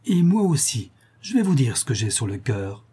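A man's voice: medium pitch, big pitch swings, moderate pace, mellow, slightly rough. A man voicing a stern, restrained young man. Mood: stern anger. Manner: firm, controlled warnings.

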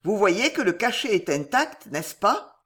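A woman's voice: mid-range voice, sing-song, a little slow, a bit bright, breathy edge, heavily acted. A woman voicing a mocking aristocratic countess. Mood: triumphant. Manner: mocking, smiling, poised. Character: ironic, self-assured aristocratic countess, middle-aged mother. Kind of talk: audiobook character reading.

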